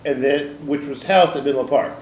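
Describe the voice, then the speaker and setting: A man's voice: mid-range voice, normal speed, darkish tone, reverberant, slight background noise, poor audio. A man interviewing a friend, prompting him by recapping his story. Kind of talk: interview questions.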